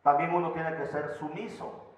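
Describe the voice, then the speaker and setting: A pastor preaching a sermon in a church, swinging from loud emphasis to soft, quiet asides. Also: male voice, on the high side, steady tone, normal speed. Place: church sanctuary. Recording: echoey church hall, slightly dull sound.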